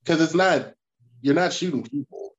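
A man co-hosting a casual podcast chat, halting and full of "like"s. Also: a little high, muffled recording. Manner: halting, lots of likes, repeats words. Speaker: podcast co-host.

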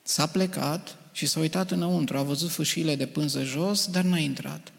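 A man, a preacher, reading scripture aloud to a congregation in a measured, earnest way. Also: a little high, fairly even intonation, vocal fry. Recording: reverberant hall.

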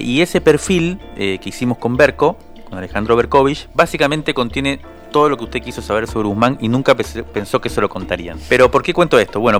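A man, a journalist co-hosting a radio show, giving conversational political commentary with frequent hesitations. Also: mid-range voice. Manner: conversational, hesitant with fillers and restarts.

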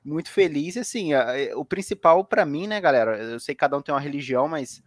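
A man's voice: on the high side, expressive, quick pace, dry recording, clean studio sound. A man hosting a casual podcast, telling a story with lots of slang and swearing. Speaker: podcast host.

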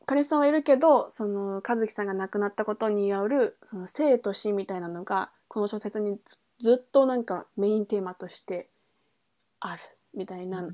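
A woman with a warm, mid-range voice hosts a podcast and introduces a book. Her explanation of the novel is loose and informal, with her thinking aloud and correcting herself as she talks.

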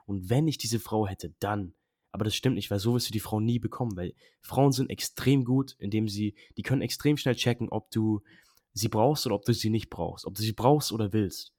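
A man's voice: fairly low pitch, brisk, darkish tone, no room sound, studio quality. A young man in casual podcast chat, talking bluntly and emphatically with lots of slang. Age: young adult.

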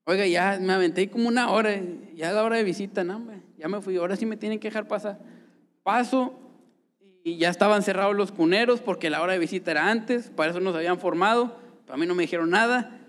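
A man's voice: high-pitched, quick pace, fairly bright tone. A man with a Mexican accent giving an earnest personal testimony in a church hall, acting out the dialogue as he tells it. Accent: Mexican Spanish. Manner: earnest storytelling, acts out dialogue. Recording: echoey hall reverb.

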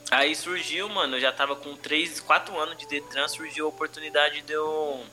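A man's voice: on the high side, steady tone, moderate pace, pushed and bright, soft background music. A man with a Brazilian Portuguese accent from São Paulo tells personal stories casually, podcast style, in heavy street slang with frequent conversational tags. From Brazil, urban periphery. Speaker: comedian interview guest.

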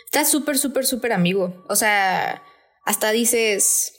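A young woman co-hosting a casual film podcast, speaking in a relaxed, drawn-out way and quoting scenes in playful voices. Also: medium pitch, soft background music. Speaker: podcast co-host.

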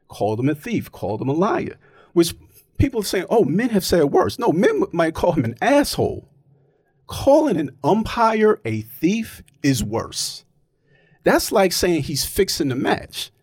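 Male, argumentative casual talker, animated delivery, dry close sound. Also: a little high, breathy edge, no room sound. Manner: emphatic, argumentative, keeps checking with "right?". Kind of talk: casual opinionated chat.

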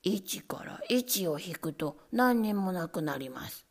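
A nervous, pompous little rat stammers through his lessons, low, slow and whispery, as a woman reader puts him on. He clears his throat to seem important. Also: expressive, heavily acted. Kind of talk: storybook reading.

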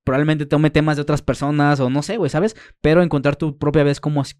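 A man's voice: a little high, steady tone, fast talker, darkish tone, clean tone, no echo, clean studio sound. A man hosting a podcast, asking long, rambling questions in heavy slang. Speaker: podcast host. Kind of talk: casual interview chat.

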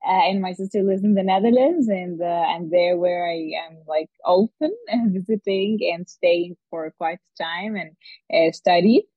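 Speaking in a low voice, a woman takes part in a casual remote podcast interview as the guest. Her delivery is halting and thoughtful, broken by frequent pauses, over dull, dry call audio.

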